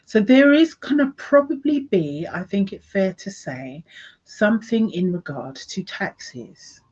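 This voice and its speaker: A woman's voice: mid-range voice, expressive, unhurried, a little mellow, slightly rough. A woman giving a casual, chatty tarot reading with political commentary, rambling and often breaking into giggles. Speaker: tarot reader. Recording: dull lo-fi recording.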